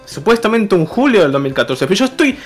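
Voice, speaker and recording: A man's voice: high voice, big pitch swings, quick pace, faint music behind. A young man with an Argentine accent, presenting a slideshow on a comedy stream, joking crudely and swearing a lot. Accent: Argentine Spanish.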